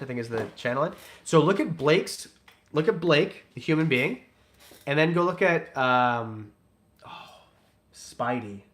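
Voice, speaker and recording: Medium in pitch and fairly bright in tone, this young man's voice carries a casual reptile livestream. As a breeder and channel host, he reads out donations and rambles through loose, joking chatter.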